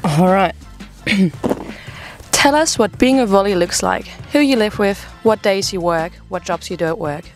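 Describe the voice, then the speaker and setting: A woman's voice: mid-range voice, measured pace, soft background music. A young woman from Germany, a native German speaker, chatting casually about volunteering with an easygoing manner and frequent chuckles. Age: young adult. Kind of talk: casual group chat.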